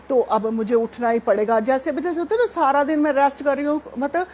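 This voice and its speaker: A middle-aged woman sharing a devotional testimony at a satsang, chatty and animated, often laughing as she tells it. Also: fairly high pitch, a little hiss or hum. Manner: chatty, animated, laughs while telling, many fillers.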